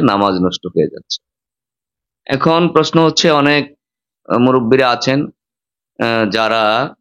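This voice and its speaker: A man's voice: mid-range voice, fairly bright tone. A man giving a sermon, teaching pronunciation with emphatic rises and drops. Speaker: Islamic preacher.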